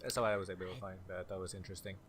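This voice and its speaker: A man co-hosting a gaming podcast, casually relaying news items in a relaxed way. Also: sits low, rapid-fire, a little hiss or hum. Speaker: podcast co-host. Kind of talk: casual chat.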